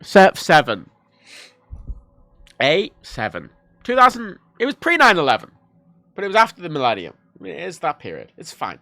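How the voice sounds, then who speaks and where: A man's voice: fairly high pitch, huge pitch swings, normal speed, vocal fry, pauses often, pushed and bright, no echo. A man born in Ireland and raised in England, a drunk livestreamer rambling casually, swearing a lot and poking fun at himself. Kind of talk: casual rambling stream chat.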